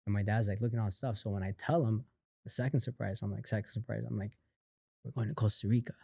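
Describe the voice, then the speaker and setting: A man guesting on a podcast, telling a personal story in a casual, animated way, acting out what others said, with lots of fillers. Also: fairly low pitch, fast talker, vocal fry, slightly rough, dry recording, studio quality. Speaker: podcast guest, company founder.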